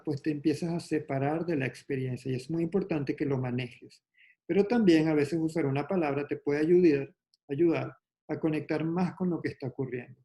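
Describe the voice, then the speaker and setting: A man teaching an online meditation class in a slightly high, mellow voice. He explains slowly and gently, pausing to reflect. The sound is a little dull, as on a video call. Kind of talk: calm spoken meditation talk on a video call.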